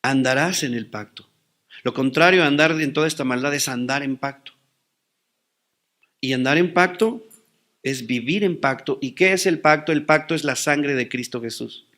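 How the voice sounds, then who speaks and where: A man's voice: mid-range voice, moderate pace, a bit bright. A man preaching a sermon as pastor, asking rhetorical questions and answering them with rising emphasis.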